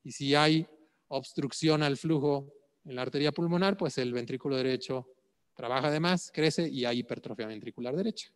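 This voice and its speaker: A man's voice: mid-range voice, moderate pace, smooth, big-room sound. A man lecturing on clinical cases, asking rhetorical questions and checking in with "ok?". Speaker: medical exam prep lecturer.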